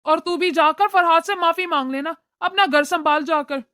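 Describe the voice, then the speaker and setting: This is a scolding cartoon father, voiced by a woman. He lectures his wife and daughter in a very high, bright voice. The sound is dry and close to the mic. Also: normal speed, dry recording. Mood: lecturing. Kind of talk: cartoon voice acting.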